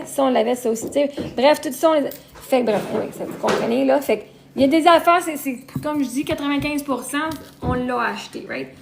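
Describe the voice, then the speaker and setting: A woman's voice: sits high, gravelly, darkish tone. A woman with a Québécois accent, chatting casually on a live stream and rambling on, listing things and repeating herself. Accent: Québécois French. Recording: roomy echo, faint noise.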